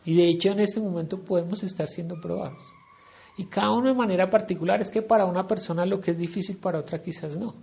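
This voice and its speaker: A man's voice: high-pitched, fast, creaky, darkish tone, highs cut off. A middle-aged man with a Colombian accent teaching a Bible study sermon in a conversational way, often asking his listeners questions. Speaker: preacher.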